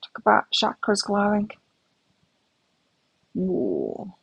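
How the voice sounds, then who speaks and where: A creaky, husky voice in the middle range swings hugely in pitch as a middle-aged woman unhurriedly chats her way through a live tarot session. Her accent is part British, part Australian, and the recording is dry and low-grade.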